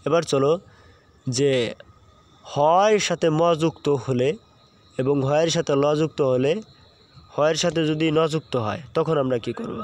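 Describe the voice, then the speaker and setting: Young guy teacher, slightly high voice, goes over each rule again and again, keeps asking questions. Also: normal speed, long pauses, darkish tone, dry recording. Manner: explains step by step, repeats points, asks students questions. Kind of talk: Bengali pronunciation lesson.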